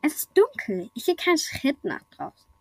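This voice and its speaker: A woman reading a children's storybook, voicing a brave, curious little tiger cub in a soft, wondering, breathy voice. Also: high-pitched, huge pitch swings, normal speed, no echo, full character voice. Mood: timid.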